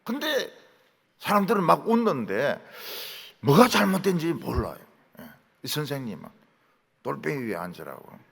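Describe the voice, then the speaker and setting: A middle-aged man preaches in a Gyeongsang accent, acting out dialect words as he tells his stories. His voice is raspy and gravelly, and his pitch swings dramatically. The sound carries a long reverb from a big church hall. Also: moderate pace. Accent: Gyeongsang Korean. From Gyeongsang region, Korea. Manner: animated storytelling, mimicking dialect words. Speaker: pastor. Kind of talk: sermon. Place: large church sanctuary.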